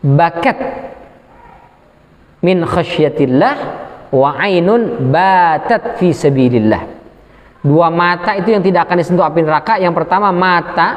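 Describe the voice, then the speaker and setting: A man giving a lively sermon to a congregation. He acts out questions from the listeners and chants quotations slowly. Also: high voice. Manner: chants Arabic quotes slowly. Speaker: preacher. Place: mosque study hall. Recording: long hall reverb.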